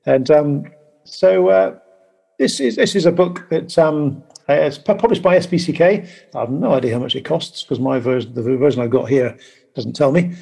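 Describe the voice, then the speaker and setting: A man hosting a podcast over a video call, talking casually and haltingly with many pauses. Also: fairly high pitch, vocal fry, darkish tone, slightly rough. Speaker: podcast host.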